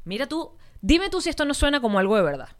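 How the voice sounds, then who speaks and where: A woman with a Venezuelan accent hosting a podcast, telling stories in animated, slangy casual chat. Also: high voice. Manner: animated, rapid storytelling with slangy asides. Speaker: podcast host.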